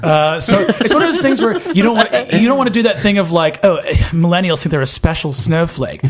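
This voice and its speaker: A man's voice: high-pitched, lively intonation, brisk. A young man from upstate New York telling a personal story casually as a podcast guest, hesitant and self-qualifying. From upstate New York, USA.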